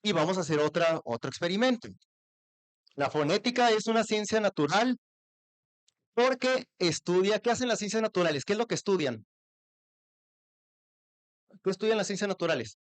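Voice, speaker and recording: A man with a Mexican accent giving a lively, interactive university talk in a theater, often asking the audience to repeat sounds aloud. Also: sits high, moderate pace, long pauses, no echo. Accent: Mexican Spanish. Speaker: lecturer.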